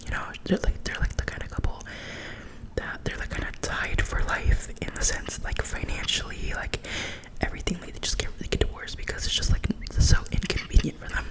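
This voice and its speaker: A young woman whispers a chatty, gossipy ASMR storytime full of casual slang, retelling events in an animated, dramatic way. The recording is rough.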